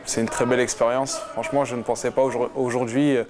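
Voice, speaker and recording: A man's voice: mid-range voice, flat delivery, quick pace, noisy background. A man in his twenties, a football player, answering interview questions casually and hesitantly, with many fillers and restarts. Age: 20s. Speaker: footballer guest.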